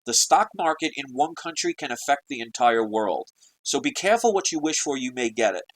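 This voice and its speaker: A man's voice: medium pitch, animated, a little fast, a bit bright, poor audio. A man delivering an urgent, preachy video monologue to his viewers, full of rhetorical questions. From United States. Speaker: political video blogger. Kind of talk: ranting monologue to camera.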